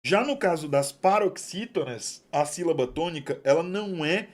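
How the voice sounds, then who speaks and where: Young male teacher, slightly high voice, chatty exam-prep style, stretches key terms. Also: lively intonation. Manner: chatty and affectionate, drawn-out stresses on key terms. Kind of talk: online exam-prep lesson.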